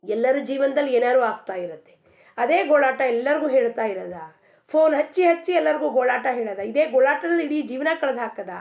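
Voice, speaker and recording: A woman's voice: high voice, expressive, a little fast, creaky, a little mellow. A woman giving an earnest devotional discourse, asking many rhetorical questions. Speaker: spiritual speaker.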